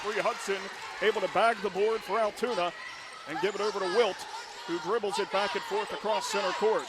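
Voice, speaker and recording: This is a radio broadcast from a noisy gym, where a man is doing play-by-play for a high school basketball game. He calls the action rapidly and excitedly, and his voice climbs to a shout whenever a big play happens.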